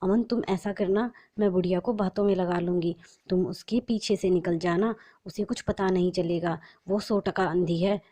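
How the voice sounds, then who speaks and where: A woman's voice: on the low side, fairly even intonation, moderate pace, mellow, natural voice. A woman voicing a scheming young daughter-in-law with an impatient, scolding manner. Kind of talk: storybook narration.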